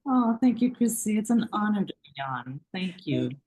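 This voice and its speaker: A woman's voice: medium pitch, sing-song, normal speed, darkish tone, poor audio. A middle-aged woman from Canada, a guest in a conversational interview, chatty, restarting her sentences often. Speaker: guest author.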